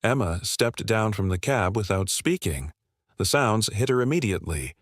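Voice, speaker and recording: A man reading a heartfelt animal story aloud in a measured, steady storytelling manner. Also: lowish voice, no echo, clean studio sound. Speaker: narrator. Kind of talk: scripted story narration.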